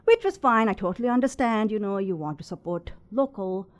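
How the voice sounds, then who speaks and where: Speaking fairly quickly in an expressive, medium-pitched voice, a woman from Sri Lanka in her thirties talks casually as an interview guest. She runs a small resin art business and is chatty, filling her speech with fillers and laughing between phrases.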